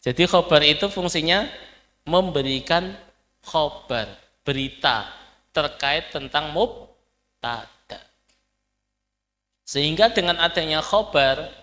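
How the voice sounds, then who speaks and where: In a lecture hall, an Indonesian man with a fairly high, pushed and bright voice gives an Arabic lesson, patiently explaining and testing his students with questions. Long hall reverb fills the recording.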